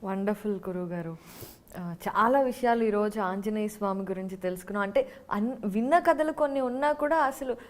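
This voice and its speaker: A woman's voice: medium pitch, brisk. A woman interviewing a spiritual scholar, with short affirming interjections and polite questions. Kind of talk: respectful interview.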